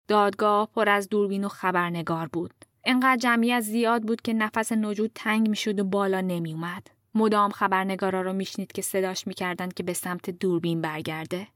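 A woman's voice: mid-range voice, a bit bright, no room sound. Woman narrating a story, dry close sound. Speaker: podcast narrator.

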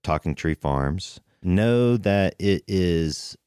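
Deep-voiced male podcast host, dry close sound. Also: lively intonation, very slow, darkish tone, smooth, no echo. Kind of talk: casual podcast introduction monologue.

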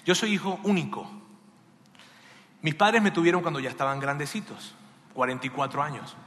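A man preaching a sermon with passion and dramatic swings between loud and hushed. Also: fairly high pitch, fairly even intonation, normal speed. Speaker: pastor. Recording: echoey hall.

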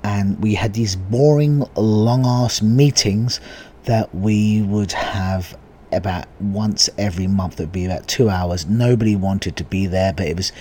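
Guy doing a podcast monologue, lowish husky voice thats giving out, casual, bit of background noise. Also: normal speed, mellow. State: husky voice giving out, losing his voice. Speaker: podcast host.

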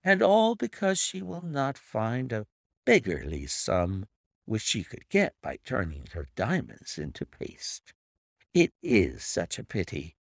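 A man's voice: mid-range voice, vocal fry, no room sound, studio quality, voice pushed up. A man voicing a smug, middle-aged male blackmailer with an oily, mock-sympathetic manner in an audiobook reading.

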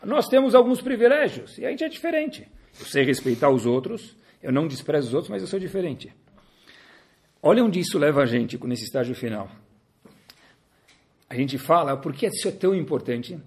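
A man's voice: a little high, normal speed. A middle-aged man, a religious teacher giving a sermon and animatedly telling a story. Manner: animated storyteller, acts out voices.

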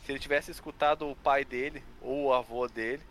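A man's voice: mid-range voice, fairly even intonation, fairly quick, fairly bright tone, a little hiss or hum. A man with a Brazilian Portuguese accent co-hosting a podcast, joking and rambling through playful theories. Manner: jokey, rambling speculation with laughs. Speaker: podcast co-host. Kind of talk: casual comedic podcast banter.

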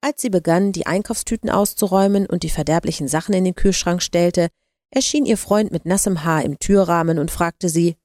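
Woman storyteller, low mellow voice, dry close audiobook read. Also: a little fast, dry recording. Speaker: narrator. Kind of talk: audiobook narration.

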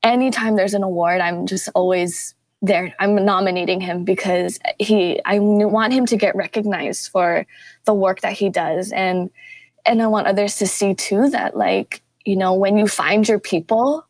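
A young woman talks casually as a guest on a podcast about teaching. She tells stories with lively energy and often jumps up in pitch to act out what people said. The sound is dry and close. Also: moderate pace, dry recording. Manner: animated storytelling, acts out quotes with pitch jumps. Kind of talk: casual interview talk.

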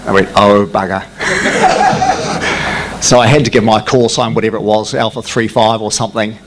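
A man's voice: fairly low pitch, big pitch swings, moderate pace. An older man, a former military jet pilot, telling anecdotes to an audience with dry, self-mocking humour, acting out quoted radio calls in a raised voice. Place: meeting room before a live audience.

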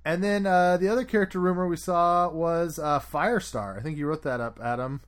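A man's voice: a little high, brisk. Opinionated man, upbeat podcast host. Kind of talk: casual chat.

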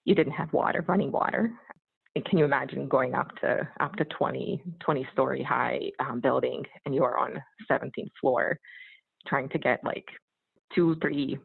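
Podcast guest: Bosnian-accented woman, very creaky, earnest storyteller, heard over a narrow phone-quality connection. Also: rumbling low, no echo. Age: 30s or 40s. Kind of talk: personal storytelling in an interview. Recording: muffled narrow phone-like line.

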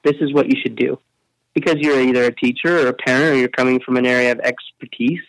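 A man being interviewed on a podcast, telling stories in an animated way and often repeating his words as he talks. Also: medium pitch, quick pace, no echo, low-quality recording. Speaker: interview guest, speaker.

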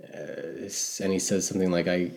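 A man's voice: sits low, normal speed, darkish tone. A man co-hosting a casual music talk show, rambling and correcting himself as he goes. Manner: rambling, self-correcting, hedging. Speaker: podcast co-host.

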